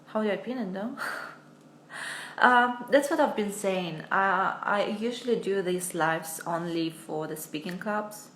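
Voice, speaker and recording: Streaming from home on her phone, a young American woman gives a casual English lesson, hesitant and talkative, frequently poking fun at herself. Her mid-range voice is a bit bright and a little slow, with roomy echo and slight background noise.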